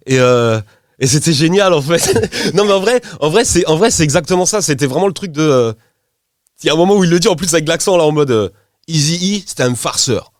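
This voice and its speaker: Slangy, animated man with a cold. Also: a little high, fast talker, no echo, clean studio sound. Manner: animated, rambling, laughs often, slangy. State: has a cold. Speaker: rapper, interview guest. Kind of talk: casual interview chat.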